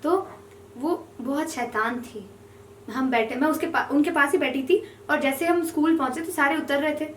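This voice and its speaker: A young woman with a high voice tells childhood stories in a lively, chatty way, laughing often. She sounds a little distant from the mic, in an echoey room with faint background noise. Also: moderate pace. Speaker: podcast guest. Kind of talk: casual storytelling.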